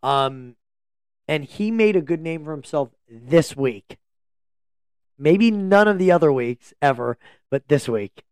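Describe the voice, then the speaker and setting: Male sports podcast co-host, casual and joking, slightly raised pitch, dry close mic. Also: lively intonation, slow, darkish tone, clean tone, no room sound. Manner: meandering, joking sports analysis. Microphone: podcast microphone.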